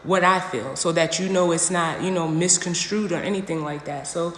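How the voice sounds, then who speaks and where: A woman's voice: fairly low pitch, moderate pace, fairly bright tone. A woman giving a casual tarot reading on a phone livestream, talking straight to the listener in a slangy, emphatic way and repeating her phrases. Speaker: tarot reader. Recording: echoey room with long reverb, faint noise.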